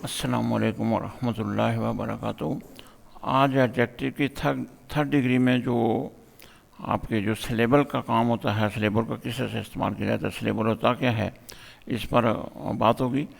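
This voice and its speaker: Gravelly-voiced male teacher, echoing hall. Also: mid-range voice, steady tone. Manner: slow, step-by-step explaining with repeated questions. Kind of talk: explanatory grammar lesson.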